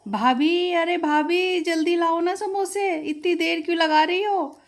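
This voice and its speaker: A woman's voice: fairly high pitch, animated, measured pace, pitched below the performer's own voice. A woman voicing a food-obsessed young girl. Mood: eager. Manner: eager, pleading and whiny about food. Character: greedy teenage girl always hungry.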